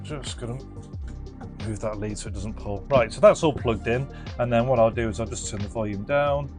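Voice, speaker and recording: Music plays softly as a British man, who runs a channel restoring retro gadgets, casually demonstrates and reviews a product in his garage, narrating as he works without a script. A body-worn mic captures his medium-pitched, slightly mellow voice at a moderate pace.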